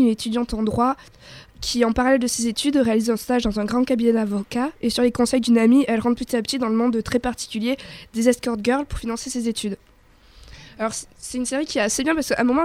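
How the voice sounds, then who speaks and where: A young woman with a fairly high voice chats on local radio, full of fillers and self-corrections. The studio sound is dry and close, with no room around her. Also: a little mellow, no echo. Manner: chatty, many fillers and restarts. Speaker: radio guest presenting TV series. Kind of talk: casual radio chat. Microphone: studio microphone.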